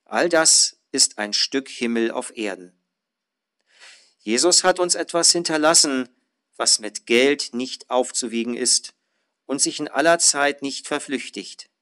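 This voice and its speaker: Casting male pastor, mid-pitched, measured earnest sermon delivery with emphatic swells. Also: a bit bright. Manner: measured, earnest preaching with rising emphatic phrases.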